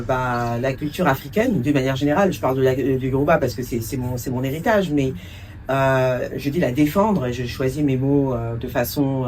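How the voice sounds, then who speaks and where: Speaking far from the mic over slight background noise, a French-raised woman in her forties has a rumbling low voice. She answers interview questions as a cultural entrepreneur and producer, thoughtfully, with many hesitations and a few English words slipped in.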